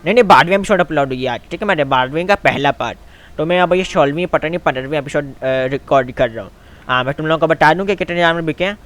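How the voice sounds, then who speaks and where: A man hosting a game video, chatting casually and excitedly, calling his viewers "my son". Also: on the high side, quick pace. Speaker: gaming channel host. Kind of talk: casual game commentary and role-play.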